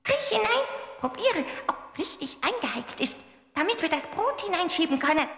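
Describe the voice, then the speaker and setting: A woman voicing a cruel, cackling old witch in a storybook reading, shrill and creaky. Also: big pitch swings, moderate pace, big-room sound, very noisy, heavily acted. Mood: sly. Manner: gloating, commanding, scornful.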